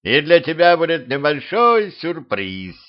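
A man's voice: on the high side, sing-song, measured pace, dull audio, pitched above the performer's own voice. A man doing a smirking sly wizard. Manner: mocking, teasing.

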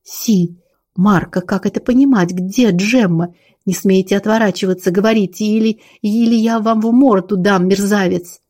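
A woman's voice: medium pitch, normal speed, a little mellow, lightly acted. A woman voicing Sofia, a tired young Russian opera singer who bursts out indignantly. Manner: exhausted, indignant outbursts.

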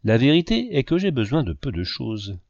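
A man's voice: mid-range voice, big pitch swings, moderate pace, gravelly, a little mellow, no room sound. Proud young wife, voiced by a male reader, curt, defensive, dry sound. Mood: guarded. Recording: dull lo-fi dry recording.

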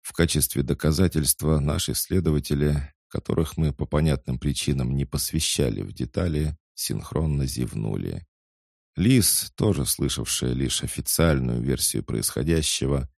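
A man reading a first-person audiobook in a measured, dry and wry manner. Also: extremely low pitch, gravelly, a little mellow, no room sound. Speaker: audiobook narrator.

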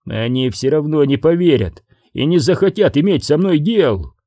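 Man doing an enraged crime boss, audiobook, raised pitch, loud, scolding, clipped words, dark tone. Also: animated, moderate pace, dry recording, studio quality. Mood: furious. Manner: shouting, scolding, hammering each word. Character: furious middle-aged male crime boss.

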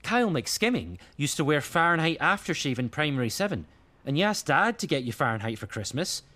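A man's voice: on the high side, sing-song, fairly quick, bright, forceful tone. An actor with a Scottish accent playing a defensive, dry-humoured young man. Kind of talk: sitcom acting.

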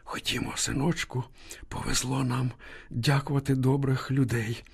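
A man's voice: medium pitch, fairly quick, vocal fry, a little mellow, husky. A man doing a tender whispering aunt. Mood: hushed tender. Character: kind tender older woman, aunt figure.

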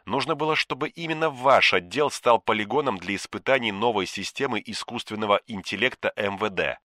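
A man voicing a cold, menacing male official on the phone, speaking quietly and slowly with contempt. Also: on the low side, no echo, clean studio sound, pitched above the performer's own voice. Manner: quiet, contemptuous, slow and deliberate. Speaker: shadowy superior giving orders.

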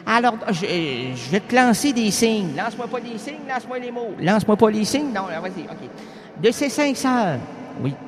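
Playful Québécois man, high voice. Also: big pitch swings, normal speed, slight background noise. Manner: playful, rambling, wordplay. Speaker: improvising comic. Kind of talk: improvised comic monologue. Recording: long hall reverb with faint music.

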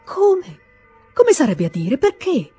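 Emotional begging nobleman, raised and loud, read by a husky-voiced woman. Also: mid-range voice, animated, normal speed, faint music behind. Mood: pleading. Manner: emotional, imploring, rising to cries. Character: pleading warm-hearted middle-aged nobleman, brother-in-law.

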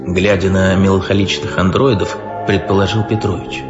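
A man reading a story aloud as an audiobook narrator, in an even storytelling manner. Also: deep voice, normal speed, highs cut off, loud music behind the voice. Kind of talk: scripted narration.

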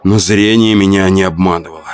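A man reading a first-person horror story aloud, expressive and dramatic. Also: deep voice, fairly quick, soft background music. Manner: expressive, acts out shouts and laments. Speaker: audiobook narrator.

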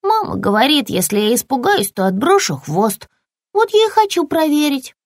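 A woman voicing a timid, eager little girl lizard in a storybook, speaking in a high squeaky voice. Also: big pitch swings, moderate pace, dry recording, studio quality. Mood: pleading.

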